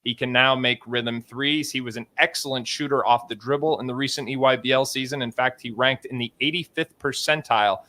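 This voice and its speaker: A man's voice: medium pitch, fairly even intonation, fairly quick, hardly any pauses, sharp tone. An American man hosting a sports show with polished, emphatic commentary and interviewing. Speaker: sports show host and scouting analyst.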